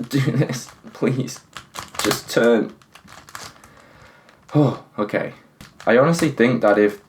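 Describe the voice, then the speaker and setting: Speaking on the low side with slight background noise, a puzzle channel host works through a stiff puzzle in casual talk. He counts pieces as he thinks aloud, addressing the puzzle itself with exasperated pleas.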